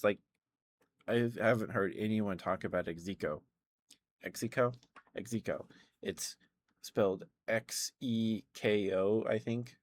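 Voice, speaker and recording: Guy with a pretty low voice doing a casual asmr ramble, kinda hesitant and wandering as he talks. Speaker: ASMR live streamer.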